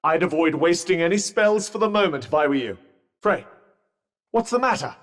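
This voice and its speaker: A man's voice: sits high, animated, moderate pace, fairly bright tone. A British man voicing a sentient magic cuff in a video game, a droll, haughty, fussy companion with a pompous, sardonic, wordy way of talking. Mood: alarmed, urgent. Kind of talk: scripted game character banter. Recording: long reverberant echo on the voice.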